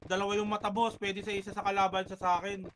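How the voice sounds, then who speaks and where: High-voiced man barking game countdowns. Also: completely flat delivery, fairly bright tone, a little hiss or hum, poor audio. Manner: rapid barked countdowns and commands, cursing. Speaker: gamer leading a team. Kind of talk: live team callouts while gaming.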